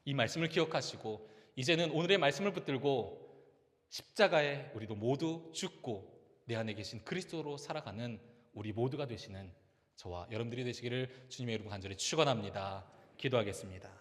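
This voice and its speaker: A man's voice: medium pitch, fairly quick. A male pastor preaching a sermon in a church, telling a story and urging his listeners earnestly. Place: church sanctuary. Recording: long reverb of a church hall.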